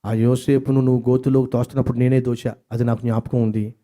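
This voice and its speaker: A man's voice: mid-range voice, little pitch movement, fast talker, dark tone. A male pastor preaching a sermon dramatically, asking the listeners rhetorical questions and acting out dialogue.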